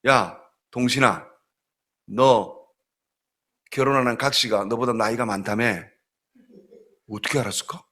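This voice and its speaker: A middle-aged man from South Korea, a pastor preaching a sermon and telling family stories in an animated way, acting out other people's voices. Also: medium pitch, measured pace, pauses often. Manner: animated storytelling, acts out voices, laughs often. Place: church sanctuary.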